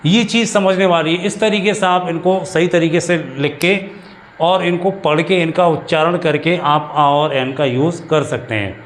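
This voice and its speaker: A man gives a patient grammar lesson, circling back over each point and repeating it. His voice sits a little high for a man. A faint hiss of noise runs under the recording. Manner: explains slowly with many repetitions and restarts. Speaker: English teacher. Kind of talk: classroom-style grammar lesson.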